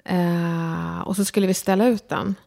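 A woman's voice: on the low side, steady tone, creaky, dark tone. A Swedish woman with a slight lisp and a faintly upper-class Stockholm accent, talking frankly and directly in a casual conversation. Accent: Stockholm, slightly upper-class tinge. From Sweden. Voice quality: slight lisp, speaks far forward in the mouth. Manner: direct, frank, self-deprecating. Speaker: guest, designer and lecturer.

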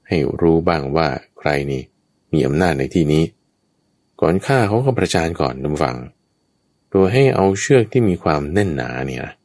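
Low-voiced man telling a scripture tale. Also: sing-song, moderate pace, a little mellow, dry recording. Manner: addresses listeners directly, chatty asides. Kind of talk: storytelling Dhamma talk.

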